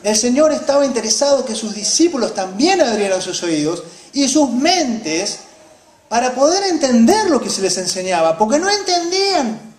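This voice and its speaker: A woman preaches, her voice rising and falling widely between ringing exclamations and hushed asides. She questions the congregation as she goes. The sound carries the echo of a roomy church hall. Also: a little high, sing-song, moderate pace. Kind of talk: sermon.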